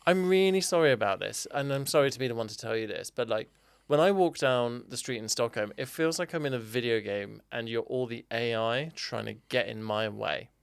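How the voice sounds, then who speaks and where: Brief: British male podcast co-host, gravelly, head cold, lively storyteller, dry close mic. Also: medium pitch, normal speed, no echo. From Britain. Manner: animated storytelling, ranting. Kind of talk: casual chat.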